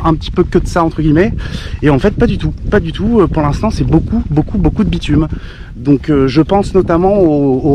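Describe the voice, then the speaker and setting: A man's voice: fairly high pitch, noisy background. A young man vlogging while walking a pilgrim route, rambling casually with many fillers, restarts and swearing. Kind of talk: casual walking vlog to camera. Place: outdoors on country roads and village streets.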